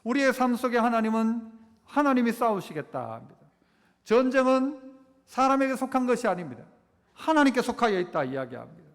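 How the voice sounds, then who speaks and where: A pastor preaching a sermon, repeating points and putting rhetorical questions to the congregation. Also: male voice, extremely high pitch, sing-song, fairly quick. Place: church sanctuary. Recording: echoey church sanctuary.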